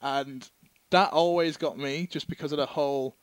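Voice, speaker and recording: A man's voice: fairly high pitch, steady tone, moderate pace, dry recording, low-quality recording. A man co-hosting a casual podcast chat, rambling and swearing casually. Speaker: podcast co-host.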